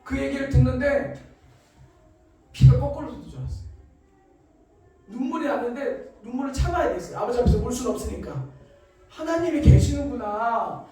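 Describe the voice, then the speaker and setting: A man's voice: extremely high pitch, fairly quick, long pauses, dark tone, faint music behind. A man giving an emotional testimony in church, telling his story dramatically and acting out the voices in it. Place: church hall. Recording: echoey room, far from mic.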